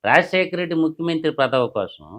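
A man, a political analyst who delivers heated commentary through rapid, combative rhetorical questions. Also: fairly high pitch, animated, a bit bright.

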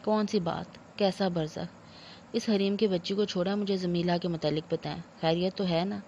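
A woman voicing a composed young husband who speaks in a measured, reasoning way. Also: lowish voice, steady tone, dark tone, dull audio, slight background noise, lightly acted. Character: composed young husband, patient and dry-humored.

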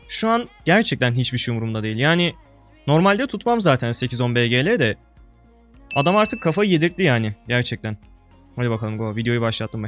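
Gaming video creator, young man, narrating his play in a laid-back, slangy, buddy-style way for viewers. He goes from loud, excited outbursts to low, grumbling mutters, over faint, soft music.

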